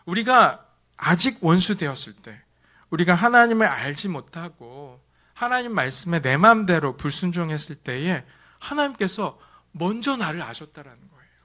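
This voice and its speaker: Bright-voiced Korean pastor preaching. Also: male voice, high-pitched, very animated, normal speed. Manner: preaching with repeated stress and swings between loud and hushed delivery. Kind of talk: sermon.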